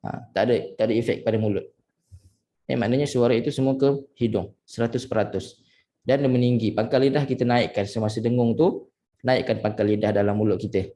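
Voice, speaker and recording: A man with a Malaysian Malay accent teaching tajwid, correcting pronunciation and slowly drawing out and repeating Arabic syllables. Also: medium pitch, dark tone. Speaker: Quran recitation teacher.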